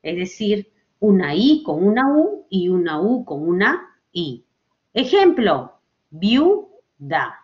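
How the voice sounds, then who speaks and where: A woman's voice: mid-range voice, very animated, takes it slowly, a little mellow. A woman teacher gives a children's language lesson, stretching out example words and often checking with "ok?". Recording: dull lo-fi recording.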